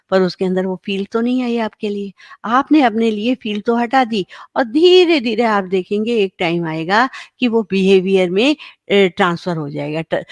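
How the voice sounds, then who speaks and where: A woman's voice: mid-range voice, no echo. A middle-aged woman giving parenting advice, slipping into quoted voices of parents and children. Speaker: parenting educator. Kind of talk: parenting talk to camera.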